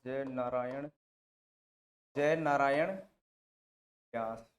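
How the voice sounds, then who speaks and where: A male teacher with a mid-range voice speaks very slowly in an exam-prep lesson. He repeats names and quizzes the class with memory tricks, drilling mnemonics through repeated questions and answers as his loudness shifts.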